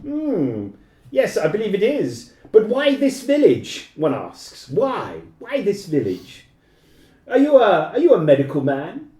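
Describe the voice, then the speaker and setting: A man's voice: high-pitched, wildly swooping pitch, measured pace, dark tone, voice pushed up, full character voice. A man voicing a suspicious, formal young male plague doctor who asks probing questions in old-fashioned speech. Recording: echoey room.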